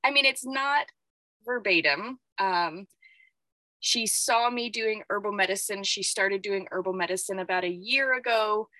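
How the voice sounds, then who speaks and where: A woman talking live on a stream, rambling and reflective, thinking out loud with lots of filler words. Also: medium pitch, unhurried, no room sound, low-quality recording. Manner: reflective, self-examining. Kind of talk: unscripted live-stream talk.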